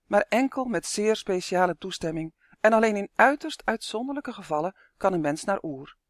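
A reader voicing a gentle, kind elf who speaks softly and reassuringly. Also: mid-range voice, animated, moderate pace, dry recording, clean studio sound, natural voice.

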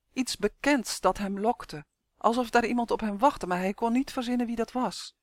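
Audiobook narrator reading a kids' story, expressive, mid pitch, dry close sound. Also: no room sound. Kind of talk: scripted narration of a children's story.

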